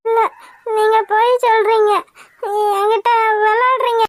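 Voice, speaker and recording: Poomari, squeaky tearful village girl, a woman voicing her. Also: fairly even intonation, normal speed, no room sound. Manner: high squeaky cartoon voice, weepy. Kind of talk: cartoon voice acting.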